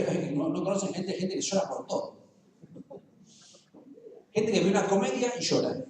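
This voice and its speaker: A man with a Rioplatense Argentine accent preaches, his voice pitched high for a man. He is picked up from some distance in a very echoey church. He jokes and talks straight to the congregation. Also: slight background noise. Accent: Rioplatense Spanish. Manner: humorous, conversational, addresses the congregation directly. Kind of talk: sermon. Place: church hall.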